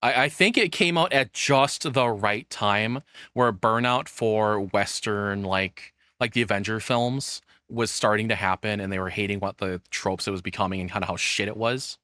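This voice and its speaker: Speaking at a moderate pace, this man has a bright, forceful voice that sits fairly low. He rambles through his views in a casual, blunt, streamer-style reaction, swearing freely, and the very dry recording carries no room sound.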